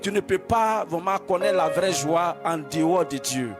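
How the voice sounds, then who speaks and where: A male pastor delivers a fervent, declamatory sermon, his slightly high voice drifting into chanted praise. Loud worship music plays underneath him throughout. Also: lively intonation, a little slow. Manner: exhorting, declamatory, slips into chanting. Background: loud church music.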